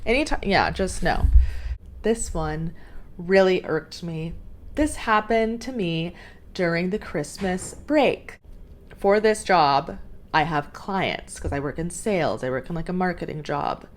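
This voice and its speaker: A woman's voice: on the low side, expressive, unhurried. A young adult woman vlogger ranting to camera in a casual, exasperated way, swearing often.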